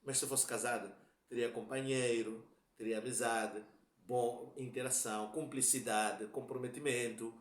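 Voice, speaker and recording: A man's voice: mid-range voice, steady tone, normal speed, echoey room. A man with a Mozambican Portuguese accent giving a religious lesson, explaining step by step and often checking that listeners follow. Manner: explanatory, repeats points, asks "tá claro?". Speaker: religious teacher. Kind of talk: lecture explaining a hadith.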